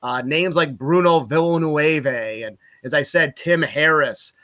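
Bright-voiced man telling lively stories. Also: on the high side, unhurried. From Utica, New York. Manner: lively anecdotes, laughs at his own stories. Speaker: guest, college sports play-by-play broadcaster. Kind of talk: casual podcast storytelling.

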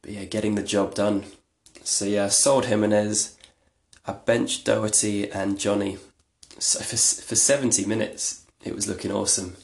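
Male podcast host, low gravelly voice, flat delivery, rambling and self-deprecating, echoey room. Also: moderate pace. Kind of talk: casual solo podcast talk.

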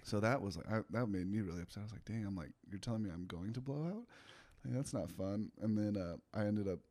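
A young man speaks with a slightly low voice. He tells his story in a relaxed way, with plenty of casual fillers. He laughs often as he talks. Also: fast. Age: young adult. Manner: laid-back, laughs often, filler-heavy. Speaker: guest, pitcher.

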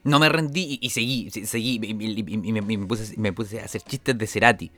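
A young Chilean man, a comedian host, tells rambling stories about his stand-up gigs, packed with sound effects and restarts. His voice is on the low side, brisk and fairly bright. The recording has no echo and soft music underneath.

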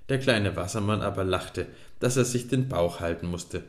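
Deep-voiced man reading a children's story. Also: normal speed. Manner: lively, expressive reading. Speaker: audiobook narrator. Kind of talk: scripted storybook narration. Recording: echoey room.

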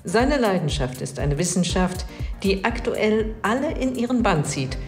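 A woman reading a scripted guest introduction in a smooth, deliberate way. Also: medium pitch, big pitch swings. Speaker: announcer. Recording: echoey, faint music behind.

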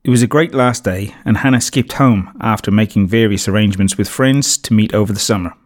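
A man's voice: lowish voice, fairly quick. A man steadily reading a children's storybook as narrator.

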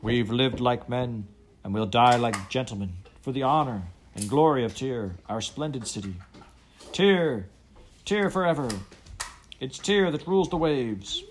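Man doing a defiant sea captain, loud, rousing, declamatory, raised pitch. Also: normal speed, a little hiss or hum, lightly acted.

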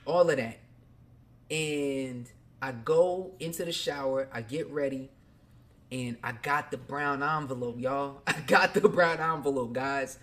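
A man's voice: medium pitch, unhurried, fairly bright tone. A man hosting a podcast, telling a personal story candidly in casual slang and speaking straight to his listeners. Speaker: podcast host.

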